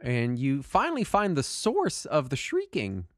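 A man's voice: mid-range voice, a little slow, dry recording, clean studio sound. A man narrating a tabletop game as game master, often laughing and joking with a player. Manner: laughing, playful, lively.

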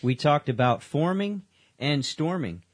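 A man's voice: on the high side, animated, unhurried. A man co-hosting a paranormal radio show in casual, conversational talk. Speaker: co-host of a paranormal radio podcast.

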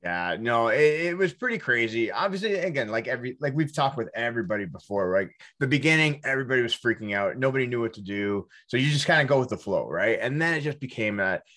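A man hosts a podcast in a casual, chatty style. His voice sits at a middle pitch and has a bright, forceful edge. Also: animated, fast talker, few pauses. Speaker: podcast host. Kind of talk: casual chat.

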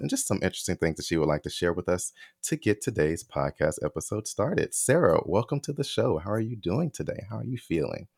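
A man's voice: deep voice, no echo, studio quality. A man hosting a podcast interview, chatting enthusiastically with many fillers. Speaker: podcast host. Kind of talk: casual interview chat.

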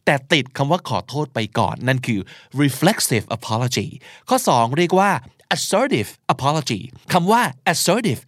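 A man's voice: on the high side, big pitch swings, slow pace, few pauses, no echo, studio quality. A man hosting a podcast, teaching and explaining vocabulary, spelling out words and acting out short examples. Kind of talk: explanatory language lesson talk.

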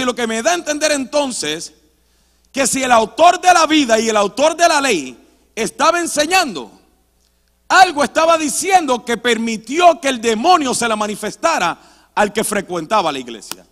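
High-voiced man preaching in a reverberant church. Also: expressive, normal speed. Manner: emphatic preaching, swinging from loud to hushed. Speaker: pastor. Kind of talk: sermon with personal testimony. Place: church sanctuary.

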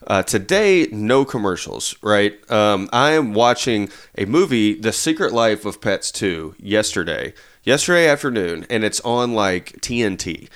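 A man's voice: on the low side, expressive, a little slow, few pauses, fairly bright tone. A man in his thirties co-hosting a casual chat show, rambling with plenty of fillers. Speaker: podcast co-host.

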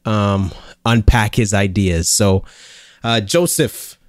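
A man co-hosting a casual podcast, talking in a halting way with many fillers and restarts. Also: lowish voice, no room sound, clean studio sound. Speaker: podcast co-host.

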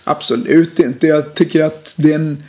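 A middle-aged man, a musician, calmly telling stories about his old band in a casual interview, with lots of hesitations. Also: fairly high pitch. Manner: relaxed, reflective storytelling with many fillers. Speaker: musician guest.

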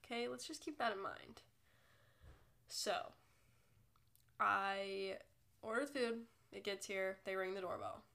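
A young woman, congested from a cold, hosts a casual solo podcast in a rambling, self-deprecating way. She speaks slowly and pauses often, her mid-range voice gravelly, pushed and bright.

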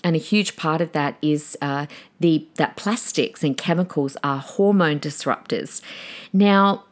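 Woman podcast host, solo chat, lower-pitched, emphatic and friendly with listeners. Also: unhurried. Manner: chatty and emphatic, addresses listeners as guys.

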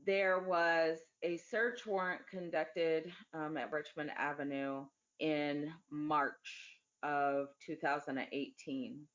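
A woman being interviewed, giving an unscripted account in a plain, deliberate, factual way. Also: sits low, steady tone, fairly bright tone, lo-fi sound.

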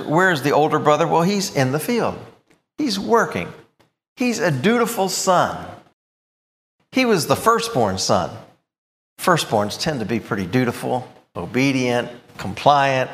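A man preaching a sermon, emphatic and expressive, explaining scripture with thoughtful asides. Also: mid-range voice, in a large hall.

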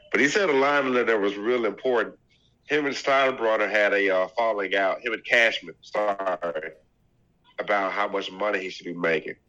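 A man with a congested voice co-hosting a casual sports debate podcast, measured and pausing to find his words. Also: lowish voice, pushed and bright, muffled recording. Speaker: podcast co-host.

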